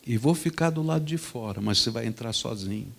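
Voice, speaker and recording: A man voicing a stern, calm father disciplining his young son, speaking low, quiet and firm. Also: brisk, gravelly.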